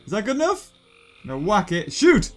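A young British man giving casual gameplay commentary in a goofy, jokey, excitable way. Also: high-pitched, moderate pace. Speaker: gaming YouTuber.

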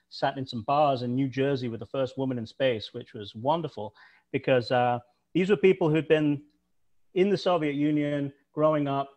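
A man's voice: medium pitch, darkish tone, muffled recording. A man speaking as a guest on a video call, telling history anecdotes in an enthusiastic, storytelling way. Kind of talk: storytelling talk.

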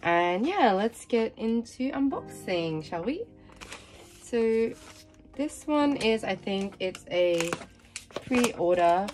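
A young woman with a nasal, stuffed-up voice after being ill, chatting upbeat through a casual manga unboxing vlog. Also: mid-range voice. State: nasal from a cold. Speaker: manga vlogger.

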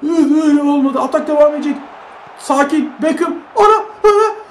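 A young man giving live commentary on his mobile football match, excitable and chatting to viewers. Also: very high-pitched, moderate pace, echoey room, slight background noise. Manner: excitable, shouts at big plays, chats to viewers.

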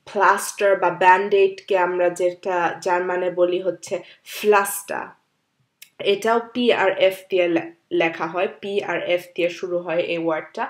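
Woman patiently teaching beginner German. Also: fairly low pitch. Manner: slow, repeats example words one by one, with fillers. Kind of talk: beginner language lesson.

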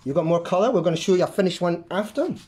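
This is a host leading a drawing lesson for kids. The voice swoops up and down with lots of melody. They pepper the instructions with playful beeps and booms and keep checking that the viewer is following. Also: racing. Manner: lively, makes playful sound effects while drawing. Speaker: children's art class host.

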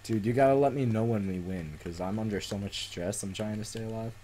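A man hosting casual gameplay commentary, excitable and quick to panic as he plays. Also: on the low side, slight background noise. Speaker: gaming channel host.

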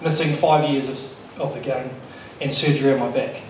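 Candid coach, echoey lecture room. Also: male voice, medium pitch, fairly even intonation. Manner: candid, self-deprecating, brisk. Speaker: fast bowling coach. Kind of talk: workshop presentation. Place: large lecture room with projector. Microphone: handheld mic. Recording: echoey room, distant sound, faint noise.

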